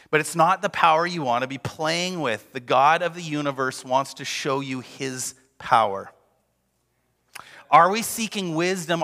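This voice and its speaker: A man's voice: on the high side, bright, forceful tone, long reverb tail. A man preaching a sermon, emphatic and driving home repeated refrains. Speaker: pastor.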